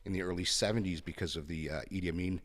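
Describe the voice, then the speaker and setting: A man in his fifties with a deep voice talks as a podcast guest, blunt and frank, pausing on fillers as he tells his story. A long reverb hangs on his words, as if the room rings. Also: steady tone. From Kenya. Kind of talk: conversational interview.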